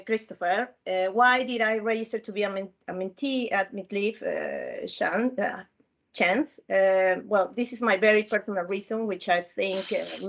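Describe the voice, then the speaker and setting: Hesitant woman from Peru on a muffled call. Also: medium pitch. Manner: hesitant, many fillers and restarts. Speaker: panel guest, former mentee. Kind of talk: casual panel talk.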